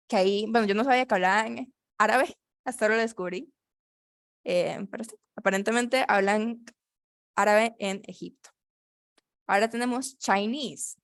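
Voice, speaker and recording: A woman's voice: medium pitch, dry recording. Woman, english teacher, casual class explanation, dry close sound. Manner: chatty, self-correcting, laughs easily.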